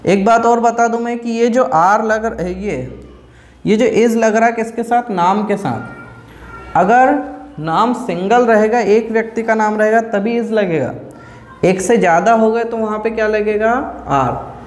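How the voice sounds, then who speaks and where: A man's voice: high voice, a little slow. A man teaching an English grammar lesson at a board, often checking in with "ठीक है?" and asking questions he then answers himself. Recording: echoey room.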